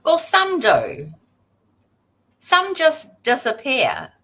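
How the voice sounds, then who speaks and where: Bright, slow-paced woman on a podcast. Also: high voice, huge pitch swings. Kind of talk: casual podcast discussion.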